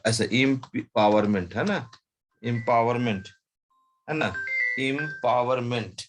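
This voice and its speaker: A man teaching a live class, dictating slowly, spelling words out letter by letter and often adding short checking questions. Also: mid-range voice, over music. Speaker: commerce teacher.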